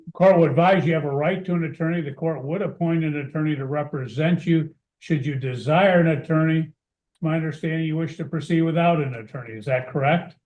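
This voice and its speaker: A man's voice: on the high side, a little fast, a little mellow, muffled recording. A man speaking as a judge in formal court proceedings, putting questions in procedural, formulaic wording, with a roomy echo. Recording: roomy, echoing sound.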